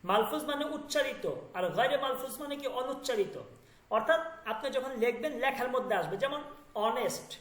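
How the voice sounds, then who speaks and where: A man's voice: extremely high pitch, fairly quick, fairly bright tone. Man, Bangladeshi Bengali accent, language teacher, patient step-by-step explaining, roomy echo. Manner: explains step by step, often checking understanding. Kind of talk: online language lesson. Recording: echoey room.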